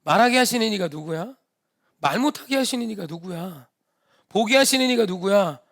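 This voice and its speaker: A man's voice: sits high, expressive, normal speed, a bit bright. A man voicing God as a fatherly figure who speaks plainly and informally, coaxing and urging. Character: God, a fatherly male voice, patient then stern.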